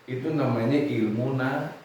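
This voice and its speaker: A man teaching children to read Quranic script, speaking, slow and questioning as he drills the class. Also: mid-range voice, darkish tone. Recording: echoey room, mic far off, faint noise.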